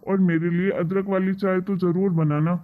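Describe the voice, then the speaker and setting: A woman voicing a gentle, affectionate father in an animated story, coaxing his daughter to make him tea. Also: lowish voice, normal speed, phone-quality sound, lightly acted.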